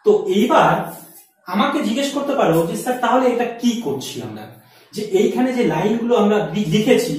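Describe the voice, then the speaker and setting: Lively man lecturing in an echoey room. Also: sits high. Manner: explains step by step, asks and answers own questions. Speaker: teacher. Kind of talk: classroom lecture. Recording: echoey room, mic far off.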